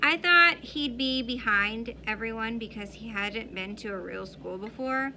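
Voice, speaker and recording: A woman reading a story aloud in an expressive way. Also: on the high side, measured pace, a crowd in the background, poor audio. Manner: expressive, shifting into character voices. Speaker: audiobook reader. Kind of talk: storybook read-aloud narration.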